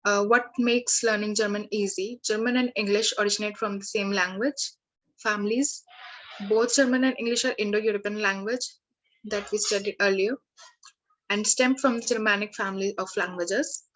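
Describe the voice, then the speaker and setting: Young woman, tutor, live beginner lesson, halting delivery, lots of fillers, medium pitch. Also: fairly even intonation, fairly bright tone, low-quality recording. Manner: halting, many restarts and fillers.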